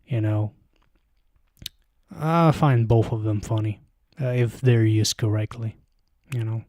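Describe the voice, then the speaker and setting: With a fairly low, darkish voice, this young man talks slowly and in a steady tone, his Bulgarian accent clear. He's on a casual live stream at home, rambling with many fillers and hesitations into a close handheld mic. The sound is clean and studio-like, free of echo.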